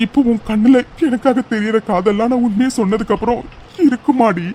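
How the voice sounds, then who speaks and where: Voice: medium pitch, brisk, dark tone, slight background noise, lightly acted. A voice actor playing a lovesick young man full of guilt, earnest and pleading in a cartoon dub. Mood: anguished.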